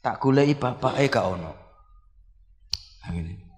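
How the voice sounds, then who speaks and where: A man with a Javanese accent preaching a sermon as a pastor, telling a story with animation and now and then breaking into shouts. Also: mid-range voice, animated, unhurried. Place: church. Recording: reverberant church hall.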